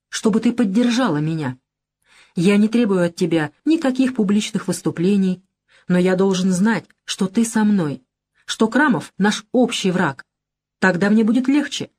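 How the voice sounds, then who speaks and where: A woman's voice: medium pitch, a little mellow, slightly rough. A woman reading an audiobook, voicing an earnest young man who speaks firmly and seriously. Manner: earnest, firm.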